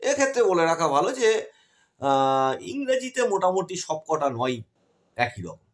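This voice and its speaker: A man's voice: fairly high pitch, very animated, moderate pace. A man teaching English grammar in an online class, explaining patiently and asking his students questions as he goes.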